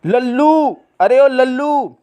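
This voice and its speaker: A man voicing a harried, scolding middle-aged housewife in a dramatic reading, with a shrill, fussy manner. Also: normal speed, a little mellow, natural voice. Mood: shouting.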